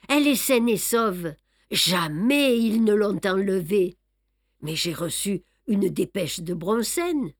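A woman's voice: mid-range voice, no room sound, clean studio sound. A woman reading aloud and voicing a fussy, self-satisfied older male detective who boasts of his clever plans. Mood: reassuring. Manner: boastful, explaining, lively emphasis. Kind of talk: audiobook reading.

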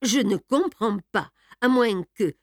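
A woman's voice: fairly high pitch, expressive, takes it slowly, dry recording. Woman doing a sad resigned young lady, hesitant, dry close sound. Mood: puzzled. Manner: puzzled, hesitant. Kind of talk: audiobook character reading.

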